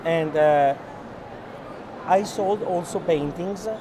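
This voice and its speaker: A gallery owner with a higher-pitched voice speaks slowly during a walking tour of an art fair, earnestly explaining in unscripted conversation. He phrases things hesitantly in non-native English, and the busy indoor hall is noisy around him.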